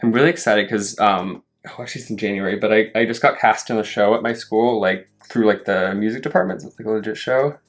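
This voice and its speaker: A young adult man who performs as a drag queen, chatting casually in an animated, rambling, self-deprecating way while doing makeup. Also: on the low side, fast talker. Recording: music playing behind the voice. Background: music.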